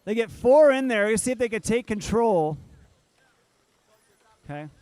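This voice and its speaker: A man's voice: high voice, expressive, unhurried, a little mellow, clear, resonant tone, no echo. A man announcing and commenting on robotics competition matches, upbeat and joking with the teams. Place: event hall.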